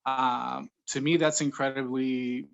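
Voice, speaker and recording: Halting man in his thirties recounting. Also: medium pitch, little pitch movement, creaky, fairly bright tone, clean tone, lo-fi sound. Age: 30s. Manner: halting, with fillers and restarts. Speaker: COVID-19 survivor interviewee. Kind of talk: personal account in an interview.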